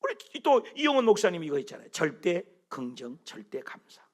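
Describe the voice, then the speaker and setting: A man's voice: high-pitched, wildly swooping pitch, brisk. A middle-aged man preaching a sermon as pastor, telling stories with animation and throwing questions at the congregation.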